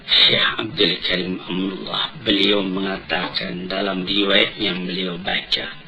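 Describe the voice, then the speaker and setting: Gravelly male preacher on old cassette tape. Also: low voice, level tone, low-quality recording. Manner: deliberate, emphatic preaching with rhetorical questions. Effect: old cassette tape recording. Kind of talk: sermon. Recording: cassette tape recording with music behind.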